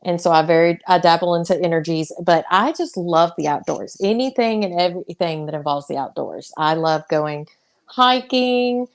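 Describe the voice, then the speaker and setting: A young woman wrestler with a Southern US accent chats as a guest in a relaxed interview, laughing a lot and stretching out her words. Her voice sits on the low side, and she speaks at a moderate pace.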